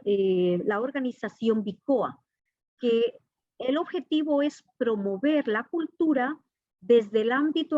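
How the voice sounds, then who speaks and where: An artist and professor from Ecuador appears as an interview guest, answering in an earnest, formal, explanatory way. Her high voice has a darkish tone, and the call audio is dull, echoey and lo-fi.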